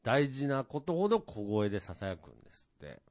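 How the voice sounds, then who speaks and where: A man's voice: mid-range voice, very animated, fairly quick, darkish tone. A man co-hosting a podcast, chatting casually in a polite, hesitant way, with many fillers. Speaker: podcast co-host. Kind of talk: casual chat.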